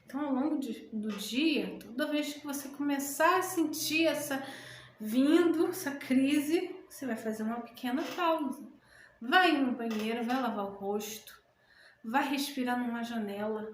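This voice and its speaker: A woman coaching listeners through anxiety, talking gently and slowing down to repeat calming phrases. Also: on the high side, a little hiss or hum. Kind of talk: guided breathing talk. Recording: echoey room with faint ambience.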